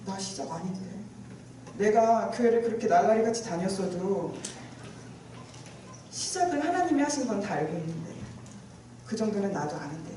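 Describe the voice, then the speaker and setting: A woman's voice: medium pitch, animated, normal speed, pauses often, dark tone, a little hiss or hum. A woman giving a personal testimony at a church retreat. She tells her story with emotion and acts out her own past words. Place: large echoey church hall. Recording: very echoey hall, voice from far off.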